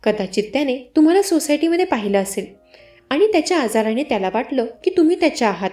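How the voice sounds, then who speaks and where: A woman doing a calm police inspector. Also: extremely high pitch, fast talker, faint music behind. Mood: explaining. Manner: matter-of-fact, explaining.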